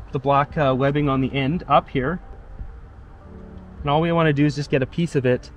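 A young vlogger stands outdoors beside a parked car on a residential street, casually explaining a DIY car project in a relaxed way full of fillers. His slightly high voice is recorded on an action camera held at arm's length, with a little hiss or hum.

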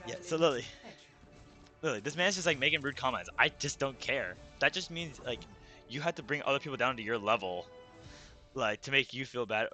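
A male streamer talking casually while gaming, excitable and swearing, who yells during fights. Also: mid-range voice, a little fast, faint music behind.

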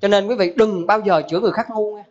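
A woman's voice: mid-range voice, steady tone, quick pace, a little mellow. A woman giving a humorous Buddhist dharma talk in a folksy manner, full of rhetorical questions. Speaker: Buddhist teacher. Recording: dull lo-fi recording.

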